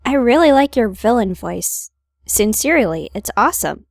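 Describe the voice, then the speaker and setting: A woman's voice: on the high side, sing-song, moderate pace, gravelly, no echo, studio quality. A woman hosting a gaming video, reading visual novel narration aloud with playful, wry casual asides.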